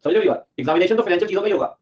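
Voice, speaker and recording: A young man from Delhi teaching accounting in a lively lecture, acting out an auditor and a client in playful voices. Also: high voice, very fast. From Delhi, India. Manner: animated, acts out auditor and client in funny voices. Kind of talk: lively classroom lecture with acted skits. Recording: dull lo-fi recording.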